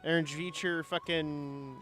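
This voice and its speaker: Young male streamer, higher-pitched, crude and teasing banter over game music. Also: steady tone, normal speed, a bit bright. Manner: profane, teasing, talks to chat. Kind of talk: casual gaming chat with friends.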